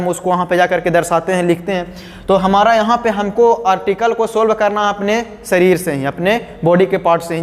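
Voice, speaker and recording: A male teacher, giving a grammar lesson step by step and often asking his students questions. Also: sits high. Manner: explains step by step, repeats key words, asks the class questions. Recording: long hall reverb.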